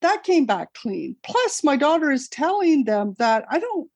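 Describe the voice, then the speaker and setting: A middle-aged woman whose first language is Italian tells her story as an interview guest, her voice sitting fairly high. She talks in an earnest rush, often breaking off and restarting. The sound is dry and close. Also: big pitch swings, a little mellow, no echo. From Canada. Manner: earnest, rushed retelling with many restarts. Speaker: guest, author. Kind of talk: interview over a call.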